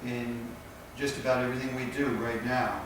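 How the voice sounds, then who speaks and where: A tai chi instructor with a medium-pitched voice gives spoken instruction while demonstrating, explaining movements plainly and patiently in short, paused pieces. He stands far from the mic in a very echoey space, with a steady hiss underneath.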